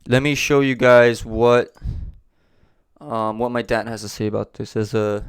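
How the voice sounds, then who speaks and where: Dude rambling thru his business vlog, smooth clear voice, keeps repeating himself. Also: medium pitch, flat delivery, a little slow. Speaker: host of a business channel. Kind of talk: casual vlog talk to camera.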